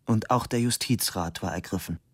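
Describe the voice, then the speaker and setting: A male audiobook narrator tells the story at a steady, measured pace. His voice is low and husky, recorded close in a dry space with no room sound. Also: no room sound.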